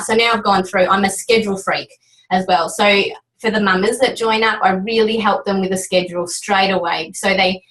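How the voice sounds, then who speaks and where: A woman's voice: mid-range voice, a bit bright, far from the mic, low-quality recording. A woman team leader sharing tips in a casual training chat, rambling with lots of ums and restarts.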